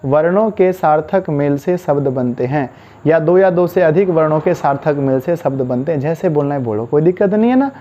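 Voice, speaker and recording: Man, Hindi teacher, high mellow voice, call-and-response drilling, dull lo-fi sound. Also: animated, fairly quick, slight background noise. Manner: casual, asks rhetorical questions and answers them. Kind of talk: online class lecture. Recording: dull lo-fi recording.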